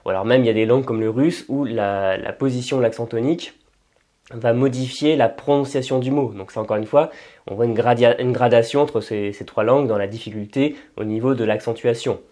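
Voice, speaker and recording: Speaking a little fast in a medium-pitched, dark voice, a man runs a language-learning channel where he explains informally. French is his first language, and he thinks aloud with frequent hesitations and restarts.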